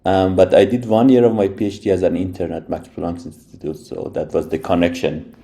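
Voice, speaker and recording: A man's voice: deep voice, flat delivery, a little fast, vocal fry, warm tone. A man from Iran, a robotics professor, talking through his background as a podcast guest, thoughtful and full of restarts. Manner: thoughtful, many restarts and "right?" tags. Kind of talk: casual interview talk.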